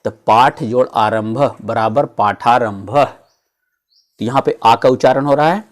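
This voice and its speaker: A man's voice: medium pitch, normal speed. A male teacher, explaining a grammar lesson step by step and asking his students rhetorical questions.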